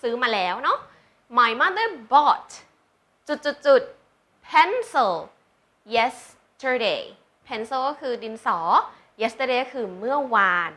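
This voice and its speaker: A woman's voice: high-pitched, expressive, unhurried, fairly bright tone. A woman tutoring beginners in English, patient, asking learners questions and drawing out example words for them to repeat. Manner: patient, checks understanding with questions. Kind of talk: slow teaching with example sentences.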